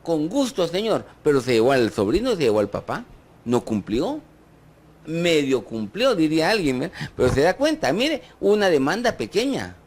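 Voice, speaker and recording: A man's voice: on the high side, big pitch swings, moderate pace. A man with a Guatemalan accent preaching a sermon, asking his listeners rhetorical questions and joking with them. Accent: Guatemalan Spanish. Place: church.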